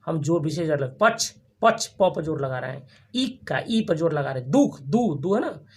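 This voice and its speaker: A teacher giving a grammar lesson to a class, repeating each term and asking quick questions for the students to answer back. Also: medium pitch, animated, warm tone, breathy edge. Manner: frequent restarts and checking questions. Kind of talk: classroom lesson with call-and-response.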